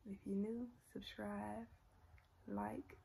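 A young woman talks into her phone camera in a tender, reflective vlog. Her medium-pitched voice turns soft and close to tears, sometimes dropping almost to a whisper. A faint hiss sits under the recording. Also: flat delivery, takes it slowly, vocal fry, low-quality recording. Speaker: vlogger. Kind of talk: casual, emotional vlog talk.

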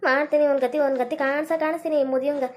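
Brief: high, quick woman, scolding sketch comedian. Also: steady tone. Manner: scolding, quarrelsome village banter. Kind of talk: comic sketch acting.

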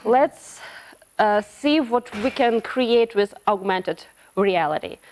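A woman from Ukraine speaks at a developer conference, with a somewhat high voice. She explains her topic in a hesitant way, breaking off and repeating words. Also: expressive, takes it slowly, a little mellow, a little hiss or hum. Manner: hesitant, frequent restarts and broken-off words. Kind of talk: conference talk with slides. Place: conference hall.

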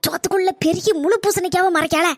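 A woman's voice: very high voice, steady tone, fast talker, no echo. A woman with a Kanyakumari Tamil accent, muttering comic asides in a cartoon comedy. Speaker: comedy voice artist.

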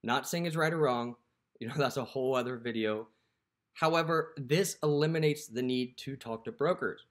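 Recorded up close in a dimly lit room, a young dispatcher gives a casual app walkthrough to the camera. His mid-range voice moves at an ordinary pace, and it's full of "you know" fillers.

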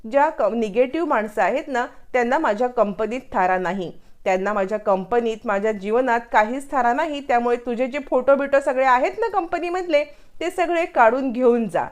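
A woman's voice: fairly high pitch, normal speed, natural voice. A woman reading the lines of a hurt, firm-spoken businessman son. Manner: firm, then dejected. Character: upset grown son, hurt and angry businessman.

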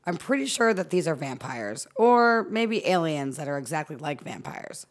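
An actress playing a tough, blunt female ship engineer in an audio drama, crude and deadpan, with a low, gravelly voice. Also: moderate pace.

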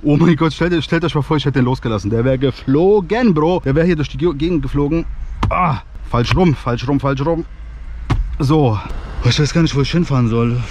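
A young man vlogging from inside his car, talking crudely in animated slang to the camera. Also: on the high side, moderate pace, slight background noise. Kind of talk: casual car vlog talk to camera. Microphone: camera mounted in car. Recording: car interior with music behind.

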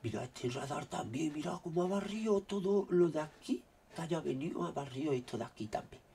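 Brief: excitable Spanish vlogger, gravelly and dark-toned, throat dry from a cold. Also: male voice, fairly high pitch, fairly quick, slight background noise. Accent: Spain Spanish. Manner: excitable, exclaiming, keeps saying "look". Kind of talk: casual commentary on screen recording.

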